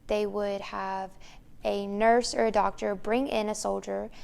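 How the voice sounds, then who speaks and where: A woman's voice: medium pitch, level tone, measured pace, gravelly, darkish tone. A woman co-hosting a vlog, telling a story casually and matter-of-factly in a room of an old house. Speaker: vlog co-host. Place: room inside an old mansion.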